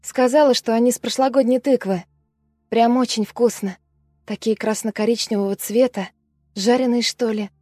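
A woman's voice: on the high side, fairly even intonation, moderate pace, a little mellow, no room sound, studio quality, lightly acted. A woman voicing a frightened young female student who recalls a terrifying night in a fragile, breathless way. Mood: dreamy recollection.

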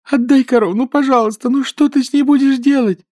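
Man putting on a shrill wailing village woman. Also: fairly even intonation, fast, warm tone. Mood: tearful pleading. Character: young peasant woman, tearful and desperate.

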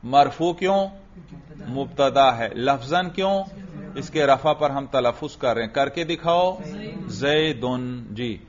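A man teaching a classroom grammar lesson who keeps asking his students short questions and praising their answers. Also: medium pitch. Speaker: religious school teacher. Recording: dull lo-fi lecture recording.

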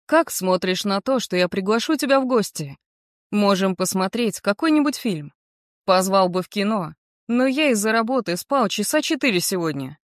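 A woman's voice: mid-range voice, lively intonation, normal speed, no echo, clean studio sound, lightly acted. A woman reading as an earnest young man. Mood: earnest, warm. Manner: sincere, gently persuasive. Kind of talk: audiobook character reading.

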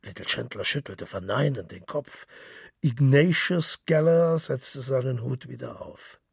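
A man reading literary narration in a measured, descriptive way, with a gravelly, raspy voice. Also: mid-range voice, lively intonation, dry recording, studio quality.

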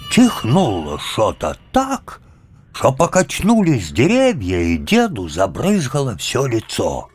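A man reading a folk tale aloud with theatrical, lively intonation. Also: medium pitch, slow, slightly rough, soft background music. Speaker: narrator. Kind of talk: expressive storytelling reading.

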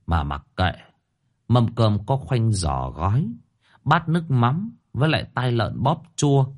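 A man narrating a horror story in an expressive, dramatic way. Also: lowish voice.

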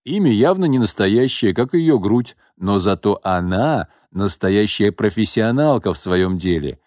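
A man's voice: lowish voice, lively intonation, a little slow, a little mellow, dry recording, studio quality. Male reader as a scheming domineering old father. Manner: blunt, mocking, cunning. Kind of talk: audiobook reading.

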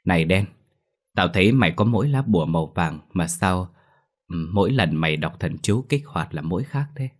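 A man voicing a brash, talkative young man who complains loudly and fast, in a spoken ghost story. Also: sits low, expressive. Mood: arguing.

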